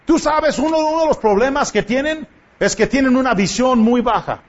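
A man's voice: very high-pitched, moderate pace. A man preaching a sermon to his congregation in a church, pressing them with impassioned rhetorical questions. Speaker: pastor. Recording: dull lo-fi church recording.

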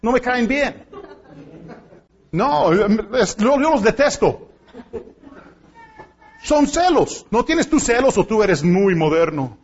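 A man's voice: high voice, very animated, takes it slowly, pauses often, dull audio. A man pastor preaching a sermon to a congregation in an emphatic style, with rhetorical questions and joking asides. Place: church before a congregation.

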